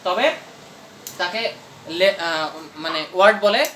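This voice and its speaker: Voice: medium pitch, a bit bright, reverberant, a little hiss or hum. A teacher explaining a grammar lesson in a classroom while writing on the board, often asking a question and answering it. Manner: explains slowly, asks and answers its own questions. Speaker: English teacher.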